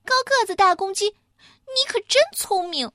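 Crooked Comb, a shrill boastful young hen. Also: female voice, very animated, a little slow, sharp tone, no echo, studio quality, heavily acted. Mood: eager.

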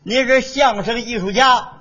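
Older male crosstalk comic, boastful bluster, high husky voice on a dull recording. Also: unhurried, bright, forceful tone. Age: 70s. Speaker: crosstalk comedian. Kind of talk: stage crosstalk comedy.

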